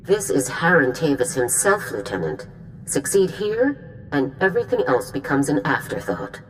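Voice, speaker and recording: A woman playing a stern, commanding military general in a video game, with a brisk, authoritative manner. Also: sits low, big pitch swings, a little hiss or hum, low-quality recording. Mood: urgent, commanding. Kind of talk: video game cutscene acting. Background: music.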